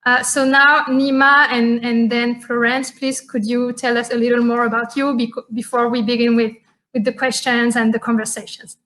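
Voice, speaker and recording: Bright-voiced woman moderating. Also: on the high side, flat delivery, normal speed. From France. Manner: hesitant, many fillers and restarts. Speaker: panel moderator. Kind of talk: conference panel moderation.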